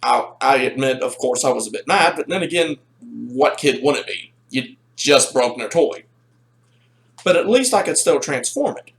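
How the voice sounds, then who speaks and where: A man chats through a toy review in a loose, rambling way, spinning an anecdote. His mid-range voice swings widely in pitch as he tells it, animated from line to line. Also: normal speed, creaky. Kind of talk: casual storytelling.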